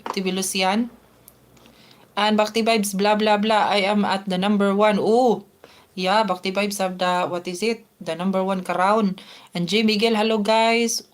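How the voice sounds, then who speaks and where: A woman's voice: medium pitch, fairly even intonation, measured pace. A woman from the Philippines with a Filipino accent, hosting a casual live stream, reading viewers' comments aloud and answering them with many "ano" fillers. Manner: chatty, reads names and questions aloud, many "ano" fillers. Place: outdoors in Spain near the sea.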